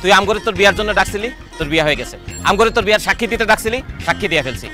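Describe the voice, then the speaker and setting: An actor playing the groom's scheming friend, theatrical and scolding, in a comic TV drama. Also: male voice, high voice, expressive, very fast, sharp tone, soft background music. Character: scheming buddy, dramatic gossip.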